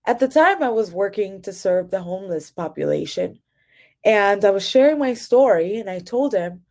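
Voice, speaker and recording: A woman's voice: medium pitch, animated, moderate pace, a little mellow. A woman speaker telling a heartfelt personal story in a conversational way, with fillers and moments where she chokes up. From United States. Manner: emotional, chokes up while telling her story; conversational, many fillers and retold dialogue. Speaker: conference speaker.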